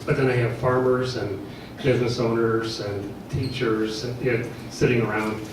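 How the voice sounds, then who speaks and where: A man's voice: medium pitch, flat delivery, unhurried, far from the mic, noisy background. A man, a candidate at a public forum, answering in a hesitant way full of restarts, heard in a large echoey hall. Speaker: political candidate.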